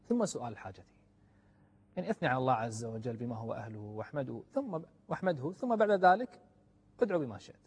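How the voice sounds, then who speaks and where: A man preaching a religious sermon, moving between hushed asides and loud, emphatic exhortation in a husky voice. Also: medium pitch. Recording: long hall reverb.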